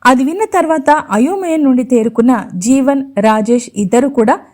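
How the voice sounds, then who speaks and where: A woman narrating an audiobook drama in an expressive storytelling manner. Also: sits high, moderate pace. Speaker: voiceover artist. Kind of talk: scripted audiobook narration with character voices.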